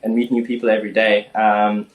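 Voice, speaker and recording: A man's voice: on the low side, flat delivery, brisk, narrow, tinny audio. Hesitant young man in a roomy echo. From Germany. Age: 20s. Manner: hesitant, many fillers and restarts. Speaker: guest. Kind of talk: casual interview chat.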